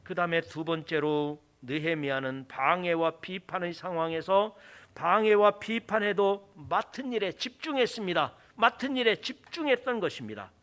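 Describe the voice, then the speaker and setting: A man preaching with a high, ringing and bright voice. He drops into soft, low asides, then rises into loud, emphatic calls to the congregation. His sermon delivery closes with direct blessings. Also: animated, moderate pace. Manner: addresses listeners directly, ends with blessings. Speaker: pastor.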